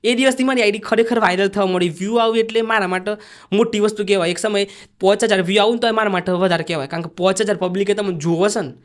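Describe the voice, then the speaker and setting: A man's voice: sits high, steady tone, rapid-fire. A young man with a Sabarkantha Gujarati dialect, a vlogger and dancer telling his story as a podcast guest in a chatty way and acting out the lines he quotes. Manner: chatty, acts out quoted lines of himself and others.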